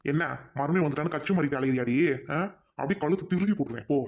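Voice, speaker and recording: A woman voicing a bossy middle-aged village man who gives gruff orders and makes threats. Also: sits low, racing, a little mellow, voice pushed down, lightly acted. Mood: angry.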